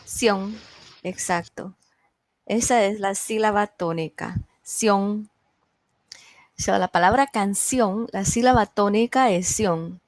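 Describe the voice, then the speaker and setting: A woman teaching a beginners' class online, sounding out each word slowly and clearly for her students. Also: medium pitch, no room sound. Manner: slow, carefully enunciated word drills. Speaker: Spanish teacher.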